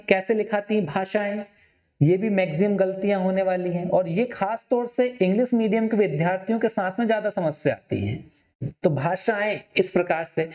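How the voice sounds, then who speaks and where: A man teaching a Hindi spelling class, asking his students questions and repeating words slowly. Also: high voice, darkish tone. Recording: dull, echoey classroom recording.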